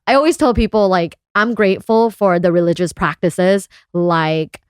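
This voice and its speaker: A woman's voice: mid-range voice, normal speed, smooth, dry recording, studio quality. A woman from Thailand, a sex researcher, talking openly and casually as a podcast guest, often laughing. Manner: frank and open, laughs often. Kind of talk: casual interview chat.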